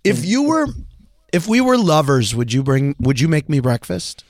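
A man's voice: a little high, sing-song, no room sound. A man hosting a radio interview, firing off cheeky questions in a teasing way. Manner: teasing, rapid-fire questions. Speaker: host.

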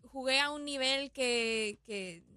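A woman's voice: high-pitched, slow, bright, forceful tone, clean tone, dry recording. A woman, a guest in a radio interview, talking thoughtfully with many restarts. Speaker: guest athlete.

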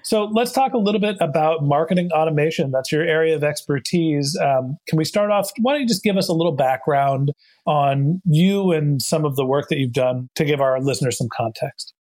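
Upbeat man hosting a podcast, higher voice. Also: brisk, darkish tone. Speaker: podcast host. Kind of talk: podcast hosting and sponsor read.

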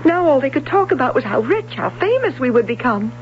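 In a muffled, hissy vintage American radio drama broadcast, an actress with a high, sing-song voice speaks briskly as a reserved, insecure young woman who is courteous but guarded. Her tone is pained and confiding.

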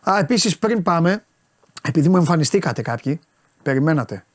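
Male football pundit, emphatic and lively, higher voice, live-stream chat delivery. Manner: animated, emphatic, scolding viewers.

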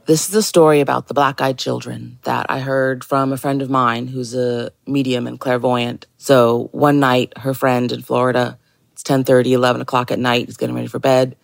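A woman recounting a spooky legend as a guest storyteller, in a measured, deliberate way. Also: very deep voice, little pitch movement, vocal fry, no echo. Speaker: guest listener telling a submitted story.

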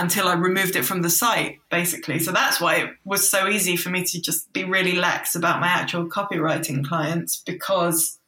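Bright chatty woman, echoey room. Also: fairly low pitch. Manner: chatty, laughs often, filler-heavy. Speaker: guest. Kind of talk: casual podcast chat.

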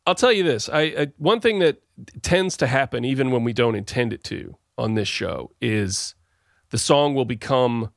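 Man, podcast host, video call, rambling, playful, middle pitch, dry sound. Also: animated, normal speed, gravelly, dry recording. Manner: rambling, self-correcting, playful. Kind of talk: casual songwriting chat.

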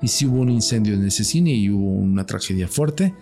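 A man's voice: fairly low pitch, fairly quick, faint music behind. A man with a Mexican accent, a podcast guest telling his story in slangy, profane casual chat. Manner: slangy, profane, animated retelling. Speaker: podcast guest, paranormal investigator.

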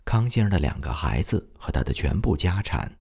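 A man reading a historical book aloud as a steady audiobook narration with dramatic emphasis. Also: deep voice, moderate pace, vocal fry, breathy edge. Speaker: audiobook reader.

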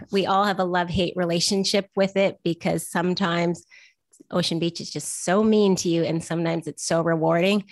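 Her voice on the low side, a forties-aged woman from Vancouver, Canada, shares self-deprecating stories as a guest in a casual interview conversation. The recording is dry.

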